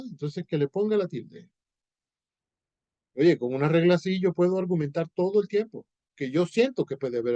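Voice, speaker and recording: A man's voice: fairly high pitch, warm tone, no echo, highs cut off. A male teacher with a Venezuelan Spanish accent, giving an informal class and acting out little dialogues to explain rules. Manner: explains with examples, acts out dialogues.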